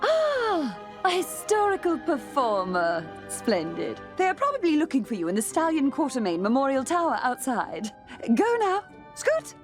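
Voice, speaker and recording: A woman playing a haughty, excitable museum employee in a video game, theatrical and dismissive. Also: sits high, normal speed, hardly any pauses. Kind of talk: video game character acting. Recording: music clearly behind the voice.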